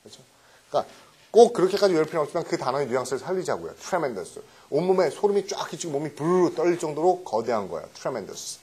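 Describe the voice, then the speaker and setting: A middle-aged man teaching English vocabulary in a recorded lecture, often quizzing his students with quick questions and tag checks. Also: on the high side, very animated, darkish tone, slightly rough. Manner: mixes English words into explanations.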